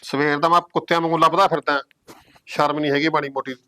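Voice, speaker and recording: A stern but caring elder brother, played by a man in a Punjabi family drama. He scolds firmly, with a voice pitched a little high for a man. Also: little pitch movement, quick pace, sharp tone, slight background noise. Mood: scolding. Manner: scolding, firm.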